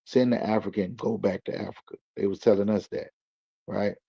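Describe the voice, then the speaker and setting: Gravelly dark-voiced man, lo-fi sound. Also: lowish voice, fairly even intonation, fairly quick. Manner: loose slang-heavy talk, preacherly build. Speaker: guest. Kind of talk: casual explaining. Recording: dull lo-fi recording.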